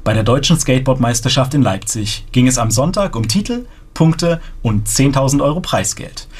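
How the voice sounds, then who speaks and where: Husky-voiced male news anchor. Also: medium pitch, lively intonation, normal speed. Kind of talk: scripted news presenting.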